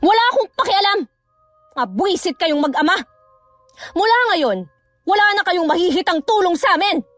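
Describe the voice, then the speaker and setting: An actress playing a furious, sharp-tongued pregnant young wife who hurls threats in a horror audio drama. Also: female voice, expressive, fairly quick, no room sound, faint music behind. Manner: shouting threats, shrill. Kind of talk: Filipino radio-style horror drama acting.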